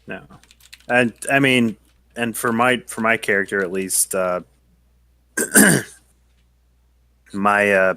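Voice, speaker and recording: A man, a tabletop game player, thinking aloud haltingly with many fillers after a session. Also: lowish voice, pushed and bright, no room sound.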